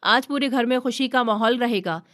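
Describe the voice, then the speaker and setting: Domineering mother-in-law, read by a woman narrator; bossy, fairly high. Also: moderate pace, fairly bright tone, natural voice. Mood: doting. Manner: bossy, doting to her sons. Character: domineering middle-aged mother-in-law, harsh to daughter-in-law.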